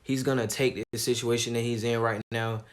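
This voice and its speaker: A man streaming live, talking casually in a calm, laid-back way with plenty of slang. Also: mid-range voice, brisk. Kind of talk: casual livestream commentary.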